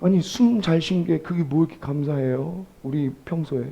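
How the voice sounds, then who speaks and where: A male pastor preaching a sermon, shifting between soft storytelling and loud, emphatic exclamations, asking the congregation rhetorical questions. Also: on the high side, normal speed, vocal fry, muffled recording. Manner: addresses congregation directly, asks rhetorical questions.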